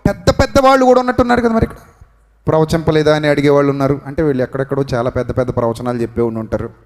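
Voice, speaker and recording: A male pastor races through a sermon, swinging between loud, high exhortation and hushed, low emphasis while drilling the congregation to repeat phrases aloud. The hall adds a long reverb.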